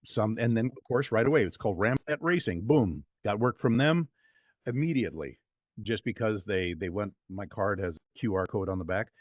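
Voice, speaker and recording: A man with a fairly low voice, chatting easily about his work in a relaxed, rambling way with plenty of fillers. The sound is dry and a little dull, like a video call. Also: moderate pace, dry recording. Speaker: voice-over artist guest. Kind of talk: casual interview chat.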